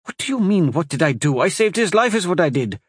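A man voicing a kind, motherly woman healer who soothes gently and holds firm in an argument. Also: medium pitch, animated, unhurried, dry recording, studio quality, voice pushed up. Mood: defensive. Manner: soothing, scolding gently, stands her ground when pressed.

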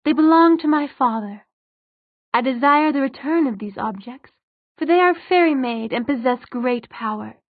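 Voicing a fairy queen of ageless cunning, a woman narrator delivers formal, imperious lines with the haughty air of a storybook ruler who scorns her audience. Her tone sits on the high side, close and dry, expressive at a moderate pace. The audio is narrow and tinny, with no room sound.

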